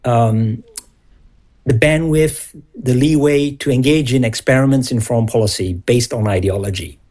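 A man who grew up in Singapore, speaking as an expert guest in a measured, analytical way. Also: mid-range voice, a little mellow. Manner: measured, analytical, restarts on words. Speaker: guest expert on foreign policy. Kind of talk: broadcast interview.

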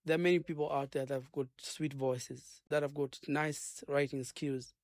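A man with a Zambian accent, a gospel singer and minister, talking earnestly in a radio interview, preaching as he goes and filling pauses with "uh" and "um". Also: a little high, steady tone, no echo, studio quality. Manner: earnest, preachy, rambling with many fillers.

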